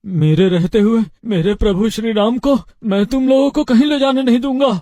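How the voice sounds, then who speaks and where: Devout village blacksmith, played by a man: high-pitched, loud and pleading. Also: expressive, measured pace, no echo, clean studio sound. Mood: anguished defiant. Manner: loud, pleading, cries out in anguish.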